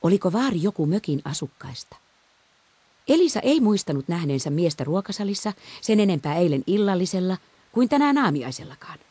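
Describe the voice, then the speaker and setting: Audiobook narration, woman, low husky voice, lively intonation. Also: no echo. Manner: expressive reading with lively intonation. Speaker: audiobook reader. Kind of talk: scripted narration.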